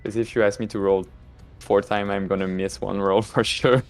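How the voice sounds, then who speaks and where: A man with a lowish voice talks casually as a player in a tabletop roleplaying session. His English has non-native phrasing, and music plays under his voice. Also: flat delivery, moderate pace.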